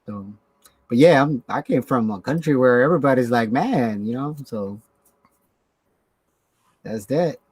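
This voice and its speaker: A man's voice: mid-range voice, lively intonation, a little slow, long pauses, a little mellow, husky, dry recording. A man from Somalia talking casually and reflectively on a podcast, with frequent "you know" fillers. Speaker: podcast guest. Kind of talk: casual chat.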